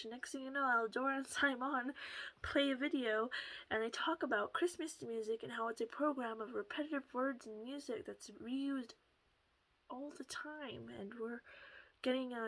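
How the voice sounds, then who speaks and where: A channel host talks casually to her viewers through a headset at home, rambling a little and laughing softly in a solo talk to camera. Her soft voice sits on the high side and often slips into a half whisper, and the audio is poor.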